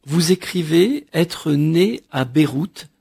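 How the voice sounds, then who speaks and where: Gravelly, husky male radio interviewer. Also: a little high, lively intonation, slow, a little mellow.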